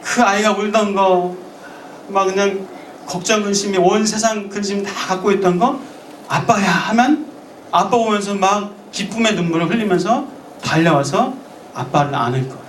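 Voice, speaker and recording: A high-voiced male pastor preaching a sermon, heard from some distance in a roomy, echoing church. He turns to the congregation with questions and acts out the words of those he quotes. Faint ambience hangs behind him. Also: normal speed, slight background noise. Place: church sanctuary.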